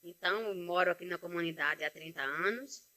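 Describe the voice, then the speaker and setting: A woman's voice: lowish voice, fairly quick, bright, forceful tone. A woman, co-director of a community library, introduces herself in a friendly, composed way.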